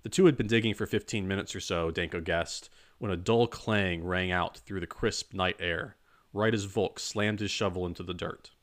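Deep-voiced male audiobook narrator. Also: steady tone, moderate pace. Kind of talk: scripted narration.

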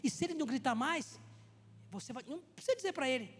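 A pastor from Brazil preaching a lively sermon, telling jokey stories and rising to shouted calls. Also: male voice, very high-pitched, fast talker, big-room sound. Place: church.

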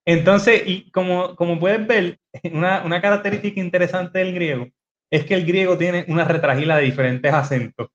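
A man with a somewhat high voice explains things in a relaxed, halting way, full of "eh" and restarts. The sound is dull and lo-fi, like a video call. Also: a crowd in the background. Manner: hesitant, many fillers and restarts, laughs easily. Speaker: podcast host teaching biblical Greek. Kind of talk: casual teaching chat on a podcast.

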